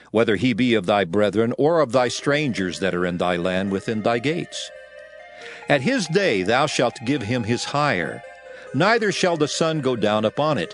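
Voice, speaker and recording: A scripture reader in a dramatized audio Bible performs Moses, the solemn prophet and lawgiver, declaiming commandments to his people in archaic language. His voice is mid-range, and music plays beneath it.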